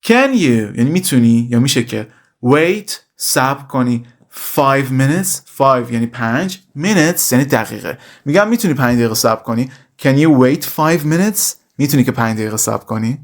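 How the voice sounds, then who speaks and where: A male language teacher who pronounces example phrases slowly and deliberately, then explains them quickly and casually, often calling his students "kids". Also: mid-range voice, expressive. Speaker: English teacher. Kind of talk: language lesson, explaining in Persian.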